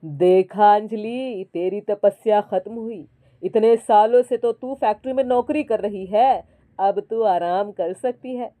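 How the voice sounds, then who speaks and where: A woman's voice: medium pitch, unhurried, mellow, close to an everyday voice. Fields: Figure: a woman doing a lazy, grumbling husband. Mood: smug.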